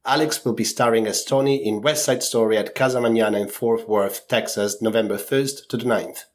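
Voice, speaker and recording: Speaking briskly in a fairly low voice, this podcast co-host has a sore throat. He reads skating news in a casual, chatty way with some hedging fillers.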